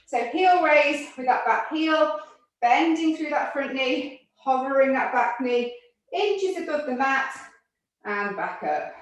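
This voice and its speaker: A woman's voice: high-pitched, animated, takes it slowly. Breathless woman leading a barre class. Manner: counts reps and cues moves, gently encouraging. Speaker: fitness instructor. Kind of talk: exercise class instruction. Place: room with barre and mats. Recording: echoey room, voice from far off.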